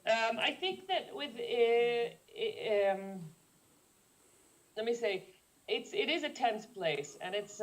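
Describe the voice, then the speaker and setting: A woman filmmaker answering an audience question, hesitant and searching for words, tired from the late hour. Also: medium pitch. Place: screening hall.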